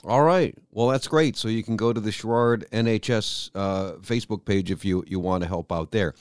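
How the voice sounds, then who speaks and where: A man's voice: lowish voice, moderate pace, a little mellow, clear, resonant tone, dry recording, studio quality. A man hosting a local radio interview, chatty and loose, restarting his sentences as he talks. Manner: friendly, loose and chatty with repeated starts. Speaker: radio host.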